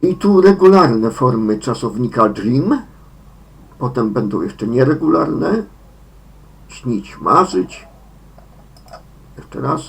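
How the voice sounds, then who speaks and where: A man with a Polish accent, a Polish speaker teaching English pronunciation, slowly repeating each word in sets of three. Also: mid-range voice, sing-song, gravelly. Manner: slow, deliberate, repeats words in sets of three. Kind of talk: slow pronunciation lesson.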